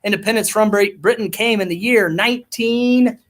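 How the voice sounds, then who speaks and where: A man's voice: high-pitched, normal speed, fairly bright tone. Upbeat man hosting school trivia. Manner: upbeat, announcing. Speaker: trivia host.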